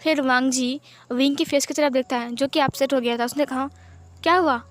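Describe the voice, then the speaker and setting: A woman's voice: high voice, steady tone, brisk, faint music behind. A woman retelling a fan fiction story aloud as a storyteller, in a plain, simple way.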